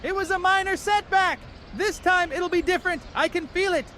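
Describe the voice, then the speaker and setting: A man's voice: extremely high pitch, normal speed, pushed and bright, a little hiss or hum. A man voicing a cheerful, reckless young alchemist in a fantasy comedy, eager and full of optimism. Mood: excited. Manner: eager, enthusiastic. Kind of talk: scripted fantasy comedy dialogue.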